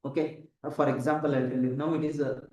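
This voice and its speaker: This fast-talking lecturer, a man with an Indian accent, has a mid-range, slightly mellow voice and a flat delivery. He repeats his points and often checks that students are keeping up by asking "right?" or "correct?"; the sound is echoey, distant from the mic, with the highs cut off.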